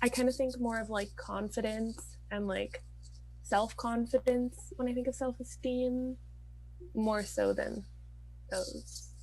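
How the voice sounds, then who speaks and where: High-voiced nineteen-year-old woman, hesitant. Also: fairly even intonation, takes it slowly, darkish tone, low-quality recording. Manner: brief, hesitant, drops in volume. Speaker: interviewee. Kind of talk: casual interview over video call. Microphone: video call.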